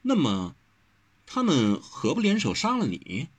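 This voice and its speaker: A man's voice: fairly high pitch, wildly swooping pitch, unhurried, breathy edge, pitched above the performer's own voice, exaggerated voice. A man doing an inquisitive young woman, He Xiaohe. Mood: curious. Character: curious young woman of the martial world.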